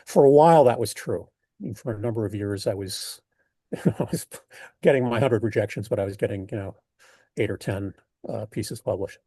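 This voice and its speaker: Older male interviewee, American accent, mellow tone, dry close sound, thoughtful and halting delivery. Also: on the low side, husky, no echo. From United States. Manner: halting, thoughtful, rephrases mid-sentence. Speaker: poet being interviewed. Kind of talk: reflective interview talk.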